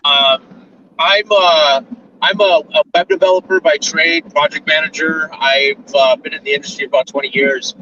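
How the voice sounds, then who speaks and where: A man in his forties from Arizona joins a video call as a guest from inside a moving car, speaking haltingly with many fillers and restarts in a fairly high, steady voice. The phone or laptop audio is distant, dull and lo-fi, with faint car noise, and it keeps choppily breaking up.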